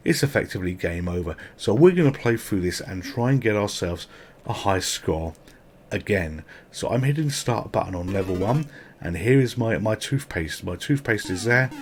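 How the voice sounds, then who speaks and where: A man's voice: on the low side, slight background noise. A man hosting a retro gaming channel, chatting casually and swearing now and then, with a sore mouth. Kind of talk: casual gameplay commentary.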